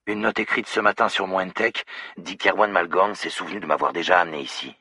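A man voicing a lost, amnesiac young woman recording a halting, introspective voice diary in an audiobook. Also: sits low, fairly even intonation, sharp tone, husky, dry recording, studio quality, exaggerated voice. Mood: anxious, despairing. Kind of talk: audiobook character voice.

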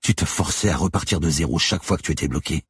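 A man's voice: very deep voice, fast talker, breathy edge, no room sound, studio quality, full character voice. A man voicing a relentless woman police detective who lays out her accusations steadily and methodically in an audiobook. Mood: accusing, cold. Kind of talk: audiobook character voice.

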